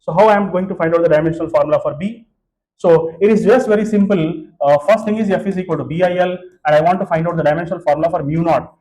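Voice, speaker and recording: A man's voice: on the high side, slow, a little mellow, low-quality recording. A man with a Telugu accent teaching physics to a class, switching between English and Telugu, with frequent fillers and restarts. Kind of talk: classroom lecture. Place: classroom with students present.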